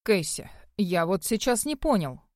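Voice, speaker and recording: A woman's voice: mid-range voice, big pitch swings, unhurried, darkish tone, dry recording, clean studio sound. A woman reader voicing a clueless, timid young man who sounds bewildered and a little whiny. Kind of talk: audiobook character voice.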